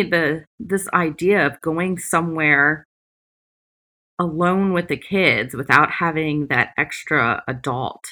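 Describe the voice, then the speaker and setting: Female podcast host, bright and lowish voice, reflective solo talk in deliberate phrases, recorded at the beach. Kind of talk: personal reflective podcast monologue. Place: at the beach, away from usual studio. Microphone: makeshift, not usual podcast equipment.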